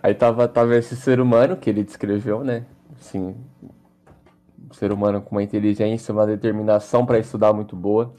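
A young man, chatting on a podcast in a relaxed, slangy way full of fillers. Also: on the low side, brisk. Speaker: podcast co-host. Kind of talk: casual storytelling chat.

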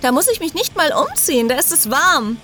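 Woman as a speedy young superhero woman, high and chirpy, audiobook. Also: very animated, brisk, bright, forceful tone, faint music behind, heavily acted. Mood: eager.

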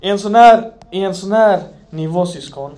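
A man preaching an Islamic sermon, impassioned, swinging from loud emphasis to hushed near-whispers. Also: sits high.

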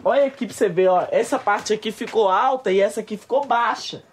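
A man's voice: sits high, fairly quick, slight background noise, close to an everyday voice. An actor playing a rowdy young man who teases his friend in slangy, crude banter, with a Minas Gerais accent. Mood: mock outrage. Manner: slangy, crude banter, loud mock outrage. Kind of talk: naturalistic film dialogue.

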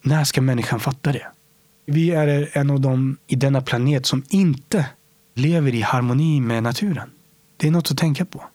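Earnest man, soft whispered asides. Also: medium pitch, no room sound. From Sweden. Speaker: interview guest. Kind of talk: reflective personal interview.

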